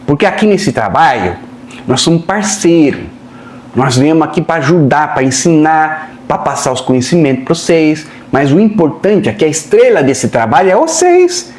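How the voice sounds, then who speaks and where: A high-voiced Brazilian man giving a channeled spiritual lesson on a live stream. His pitch swings widely, and he is chatty, with a "né?" tacked on again and again. The recording has a roomy echo. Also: a little mellow. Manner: colloquial and chatty, tags lines with "né?"; acts out other people's voices in quotes. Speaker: medium channeling a spirit teacher.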